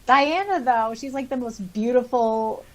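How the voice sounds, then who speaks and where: A woman co-hosts a podcast, chatting casually as she reads listener comments and gushes enthusiastically over them and her favorite stories. Her voice is a little high and unhurried.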